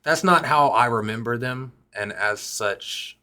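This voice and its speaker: This young rapper and vlogger speaks in a mid-range voice at a measured pace, bright and forceful. Sharing a personal story, he is casual and profane, rambling along and cutting himself off again and again.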